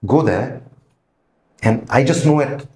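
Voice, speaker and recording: An animated middle-aged man tells his life stories as an interview guest. His voice sits at an ordinary pitch for a man, and the room echoes around him. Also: slow pace, a little hiss or hum. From India. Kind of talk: storytelling interview talk.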